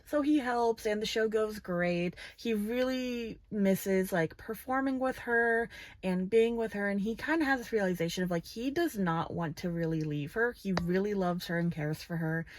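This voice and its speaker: Woman, casual book review, chatty and animated, filler-heavy, mid pitch, dry close sound. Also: normal speed, dry recording.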